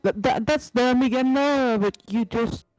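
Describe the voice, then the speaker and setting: A woman's voice: fairly high pitch, measured pace, darkish tone, no room sound, faint music behind, poor audio. A woman on an online call whose mic keeps cutting out, sounding puzzled and asking what words mean. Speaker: call-in guest. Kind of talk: casual chat. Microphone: remote call microphone.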